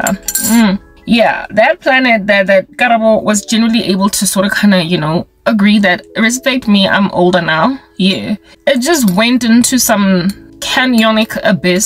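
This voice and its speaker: A South African woman in her forties talking to camera in a casual, wry monologue. She is animated and playful, and she mixes in sound effects and phrases from local languages. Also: medium pitch. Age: 40s. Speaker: vlogger and ministry creator.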